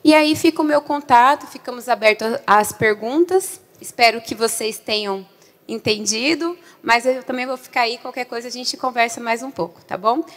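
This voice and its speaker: A woman's voice: fairly high pitch, moderate pace. Brazilian woman presenting in an echoey hall. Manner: explanatory, often adding checking tags. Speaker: conference presenter on agricultural research. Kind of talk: presentation to an audience. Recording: echoey hall with long reverb.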